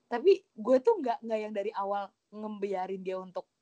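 A young woman telling a story in casual chat, animated and full of acted quotes. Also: mid-range voice, normal speed, no room sound.

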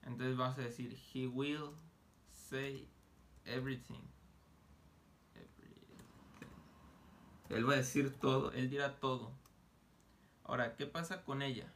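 A man gives an online English lesson, his voice slightly gravelly. He speaks casually, breaking English examples into slow, separate words. A faint hiss sits under the recording. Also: mid-range voice, fairly even intonation, a bit bright. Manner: slow, deliberate modeling of English phrases; casual, joking asides. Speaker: English teacher.

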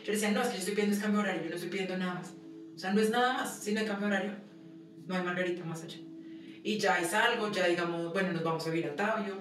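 Racing along at a medium pitch over soft background music, a young woman appearing as a guest shares personal anecdotes in a casual interview. She acts out conversations and laughs often, captured from a distance in a reverberant room with some noise.

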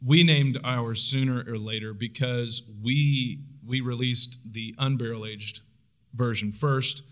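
A mid-pitched man chatting casually on a podcast. He rambles a little and fills his pauses with ums and uhs, keeping a relaxed, easygoing tone. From Oklahoma. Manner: relaxed, rambling with many fillers. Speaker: podcast co-host and brewer. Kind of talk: casual chat.

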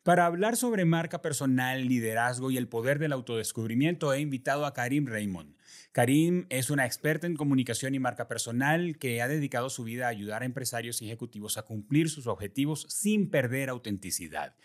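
A man's voice: mid-range voice, animated, brisk. Courteous male podcast host. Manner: polished, courteous introductions. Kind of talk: podcast interview hosting.

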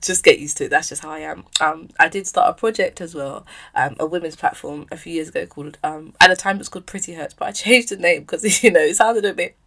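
A woman's voice: sits low, quick pace, few pauses, fairly bright tone. A woman in her mid-twenties with a South East London accent, chatting casually and candidly as a solo podcast host recording at home. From south-east London, England.

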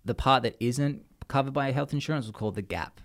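This is casual podcast chat from an Australian guest whose medium-pitched voice moves briskly. He tells lively stories in a rambling way, frequently starting sentences over.

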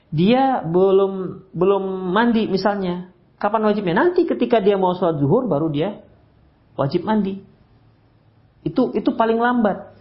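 Middle-aged male preacher, lively conversational teaching, slightly high voice, dull lo-fi recording. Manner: animated, conversational preaching with playful asides. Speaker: Islamic preacher. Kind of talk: religious study lecture.

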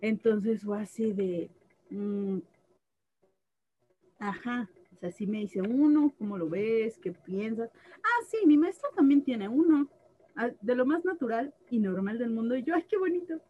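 A woman with a slightly high voice speaks at a measured pace, recorded with lo-fi sound. She's a tattoo artist in casual chat, an animated storyteller who acts out dialogue and laughs often.

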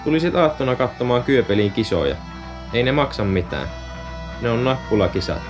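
A man's voice: medium pitch, animated, music in the background, natural voice. A man reading aloud, voicing an earnest, hopeful young boy who dreams big. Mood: pleading. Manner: earnest, pleading.

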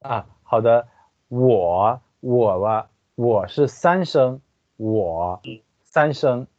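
A man explains pronunciation as a language teacher, speaking very slowly and deliberately. His pitch moves in a lively way as he demonstrates the tones. The recording is dry and muffled, with a lo-fi quality. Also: dry recording. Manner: slow, deliberate, careful explanations.

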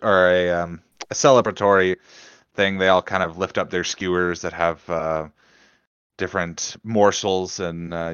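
A man narrating as game master on a voice call, halting and hedging with many fillers, over slightly muffled audio. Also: low-pitched, fairly bright tone, smooth, dry recording.

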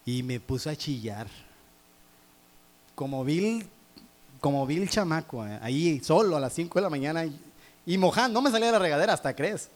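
A man's voice: fairly high pitch, expressive, moderate pace, pauses often. A man with a Mexican accent, preaching a sermon through a humorous personal story, teasing the congregation. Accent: Mexican Spanish.

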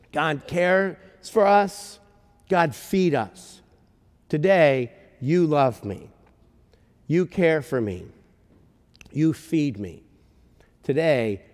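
A man voicing an earnest, friendly stranger who speaks broken English in a halting, slow, emphatic way. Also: high voice, big pitch swings, heavily acted. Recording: long reverb in a church hall.

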